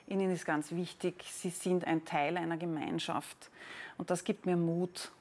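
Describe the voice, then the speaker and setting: A woman's voice: fairly low pitch, steady tone, unhurried, a little mellow. A woman painter with an Austrian German accent speaking earnestly and reflectively in an interview. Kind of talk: interview answer.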